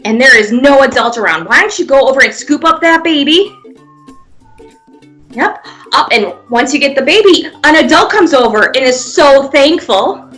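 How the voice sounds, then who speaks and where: With a high, slightly bright voice, a woman at a children's museum guides little ones through pretend play. She gives easy, upbeat instructions one step at a time and adds fun sound effects.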